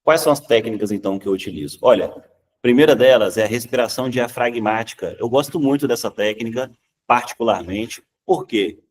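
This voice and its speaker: A man with a Brazilian Portuguese accent teaching public speaking in a lively, conversational way, often checking in with "tá?" and acting out examples. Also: medium pitch, brisk, distant mic, a little hiss or hum. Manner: acts out examples in changed voices.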